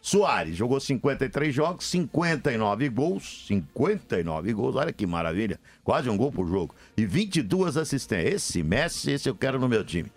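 Comentarista esportivo brasileiro, homem insistente. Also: male voice, medium pitch, sing-song, normal speed, few pauses. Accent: Brazilian. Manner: insistent, repeats phrases for emphasis. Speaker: sports commentator. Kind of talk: live panel debate.

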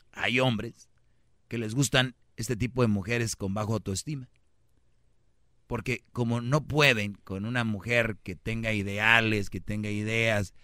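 A man's voice: lowish voice, pushed and bright, no echo, clean studio sound. A man with a Mexican accent hosting a call-in radio advice show, blunt and teasing in a preachy way. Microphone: studio microphone.

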